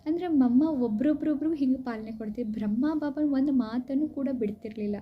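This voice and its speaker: A woman giving a devotional talk, retelling stories conversationally and addressing listeners warmly with frequent polite asides. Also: high-pitched, fairly quick, faint music behind. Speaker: spiritual speaker. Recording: slightly dull recording with faint background hiss.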